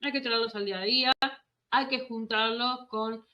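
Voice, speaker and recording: A woman's voice: a little high, steady tone, moderate pace, pushed and bright, lo-fi sound. A woman with a Rioplatense Spanish accent hosting a casual parenting conversation, chatty and rambling, laughing often.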